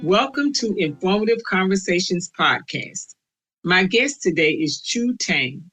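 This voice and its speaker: Female podcast host, encouraging prompts, frequent soft murmurs of assent. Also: on the low side, lively intonation, a little slow, soft background music, poor audio. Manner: warm encouraging prompts, many soft "mm-hmm"s. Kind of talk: interview hosting.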